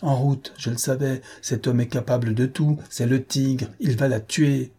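A man reading an audiobook, voicing a fierce, commanding gentleman adventurer who shouts urgent orders. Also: medium pitch, steady tone, normal speed, slightly rough, natural voice. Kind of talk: audiobook character voice.

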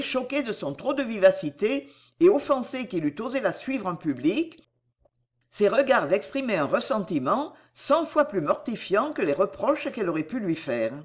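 Expressive woman narrating a classic novel. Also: mid-range voice. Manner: measured, expressive storytelling. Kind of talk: audiobook reading of a classic novel.

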